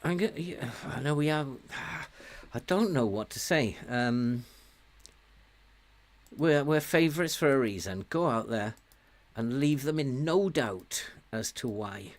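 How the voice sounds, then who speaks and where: A man in his sixties hosts a let's play, commenting on a game in a medium-pitched, animated voice. He's slow and chatty, chuckling and poking fun at himself as he goes.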